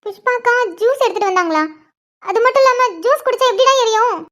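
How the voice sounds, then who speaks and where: A shrill, squeaky young wife from a cartoon , voiced by a woman. She nags and grumbles to herself, her voice sitting very high. The tone stays fussy and teasing. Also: quick pace, a bit bright. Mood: alarmed. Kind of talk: cartoon voice acting.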